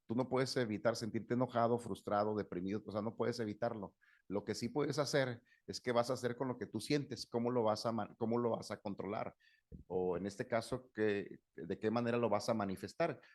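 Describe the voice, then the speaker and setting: A man's voice: on the low side, fairly even intonation, a little fast. A middle-aged man, a psychologist giving a conversational lecture, acting out quoted dialogue and often checking in with "¿no?". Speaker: psychologist giving a talk on anger. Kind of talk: lecture with anecdotes.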